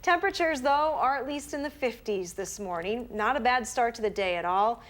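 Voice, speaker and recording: A woman giving the morning weather and traffic report in a brisk, upbeat way. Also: fairly high pitch, lively intonation. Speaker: meteorologist.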